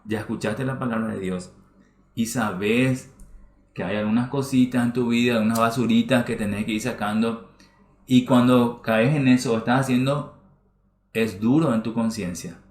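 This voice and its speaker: In a church hall, this Paraguayan pastor preaches with a mid-range voice, steady tone, and normal speed, driving points home through repetition. It's captured on a roomy church livestream.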